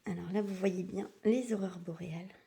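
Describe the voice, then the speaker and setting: A woman chatting enthusiastically in a casual unboxing vlog, sometimes slipping into a soft half-whisper and moving away from the mic. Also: fairly low pitch, steady tone, brisk, vocal fry, echoey room. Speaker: crafting vlogger.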